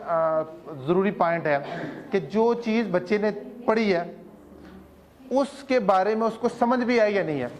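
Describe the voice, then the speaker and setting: Earnest high-voiced man explaining to parents. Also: dull audio, a little hiss or hum. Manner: earnest, explanatory, asks rhetorical questions; mixes English terms into speech.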